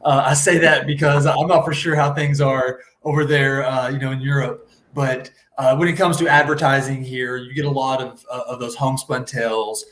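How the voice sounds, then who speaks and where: A man's voice: medium pitch, little pitch movement, normal speed, fairly bright tone. A man telling a company's story casually, as its representative. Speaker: distillery representative. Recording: roomy echo, background noise.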